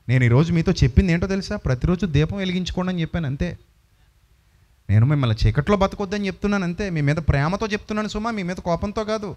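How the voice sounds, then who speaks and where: A man's voice: sits high, fairly bright tone. A male pastor preaching a sermon to a live congregation, emphatic and full of rhetorical questions. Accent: Telugu. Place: church hall before a congregation.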